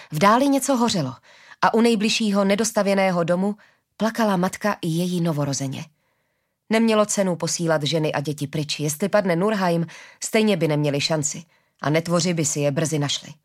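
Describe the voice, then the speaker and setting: A woman narrating a fantasy audiobook in a lively, expressive reading. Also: on the low side.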